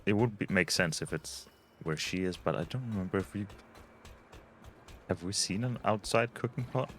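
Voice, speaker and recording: Low-voiced man musing over a game. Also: moderate pace, a little hiss or hum. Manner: musing, thinking aloud. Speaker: gamer. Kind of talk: casual let's play commentary.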